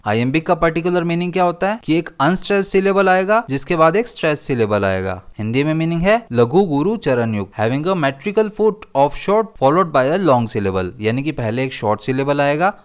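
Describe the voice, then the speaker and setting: A man with an Indian English accent takes learners through a vocabulary lesson. His voice sits a little high for a man and comes across smooth and resonant. He reads the English definitions slowly and carefully, then explains them in plain Hindi. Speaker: vocabulary teacher. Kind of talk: exam-prep vocabulary lesson.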